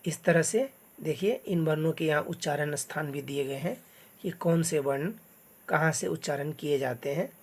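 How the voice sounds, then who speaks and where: A teacher giving a slow step-by-step lesson, naming sounds one by one in a patient manner, recorded on a phone screen recorder. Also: medium pitch, a little mellow. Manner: spells out letters one by one, patient. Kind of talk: slow step-by-step classroom explanation.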